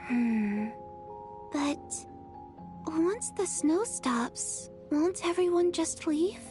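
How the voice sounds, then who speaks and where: A woman's voice: very high voice, lively intonation, extremely slow, music in the background, heavily acted. A woman playing a sweet, guileless little girl in a video game, with an artless, childlike way of talking. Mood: wistful. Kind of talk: animated game voice acting.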